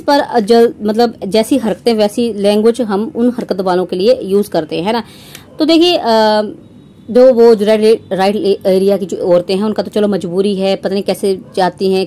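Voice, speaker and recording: Addressing her audience directly, a young reaction vlogger delivers sarcastic, mocking remarks, frequently capping them with rhetorical questions. She speaks at a moderate pace in a mid-range, dark-toned voice.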